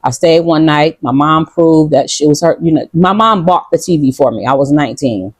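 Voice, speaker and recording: This Detroit vlogger talks to her viewers outdoors in Ghana, casual and blunt, defiant and swearing, with a Detroit accent. Her voice sits low and is slightly rough, at a moderate pace, on a dry recording.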